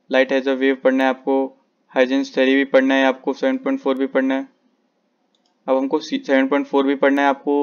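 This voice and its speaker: A man's voice: medium pitch, smooth, highs cut off. A male physics teacher, walking students through which textbook sections to skip, repeating page numbers and instructions over and over. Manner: repetitive, instructive, page-by-page directions. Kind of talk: syllabus walkthrough lesson.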